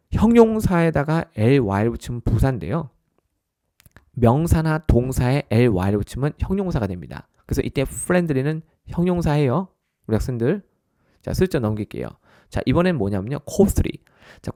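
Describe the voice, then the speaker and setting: A man's voice: medium pitch, mellow, no echo, clean studio sound. A man teaching as a test-prep instructor in a recorded lecture, often addressing his listeners as his students and checking in with short tag questions.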